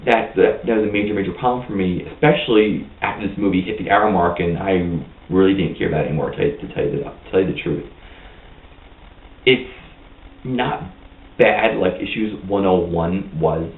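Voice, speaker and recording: A man giving a blunt, opinionated, rambling movie review in a casual vlog. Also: low-pitched. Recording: tinny lo-fi, roomy, mic far off.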